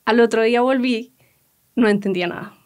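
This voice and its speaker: A Colombian woman in her thirties, a podcast guest telling her story in a lively, laughing way and acting out what people said. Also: a little high, a little fast, clear, resonant tone. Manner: lively, laughing, acts out quoted dialogue. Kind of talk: casual storytelling interview.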